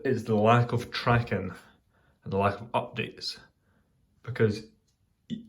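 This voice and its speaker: A man with a fairly low voice gives a casual hobby vlog update. He talks in a meandering, hesitant way, often stopping to correct himself partway through a sentence. The delivery is unscripted and conversational. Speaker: hobbyist vlogger giving updates.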